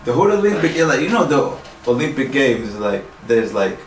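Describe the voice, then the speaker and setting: A man's voice: medium pitch, very animated, brisk, recorded from a distance. A man co-hosting a podcast, rambling in loose street slang and acting out quoted lines. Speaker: podcast co-host. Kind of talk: casual chat. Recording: echoey room, set back from the mic.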